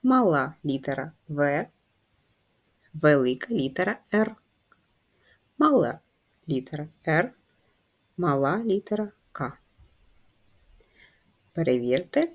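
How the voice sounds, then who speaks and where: A woman's voice: low voice, big pitch swings, slow pace, pauses often. A woman teacher giving a first-grade handwriting lesson, patient and instructive, spelling out letters and sounds one by one. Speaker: primary school teacher.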